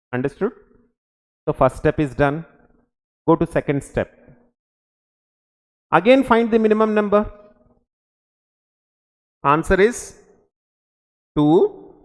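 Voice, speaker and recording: A man in his forties with a Telugu Indian English accent, teaching a class in short instructional phrases with frequent check questions, in a reverberant room. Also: on the high side. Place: indoor teaching studio or classroom.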